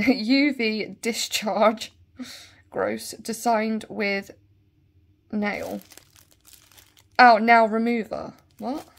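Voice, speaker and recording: A woman's voice: a little high, fairly even intonation, drawn-out words, vocal fry, long pauses. Chatty woman with a Bristol accent. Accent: Bristol English. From Bristol, England. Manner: chatty, thinking aloud, trailing asides. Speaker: nail vlogger. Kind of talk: casual unboxing chat.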